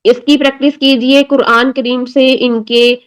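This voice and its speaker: A woman with a Pakistani Urdu accent teaching an online recitation lesson, patiently explaining step by step and slowly demonstrating drawn-out recited words. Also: high-pitched, level tone, clear, resonant tone, rough recording.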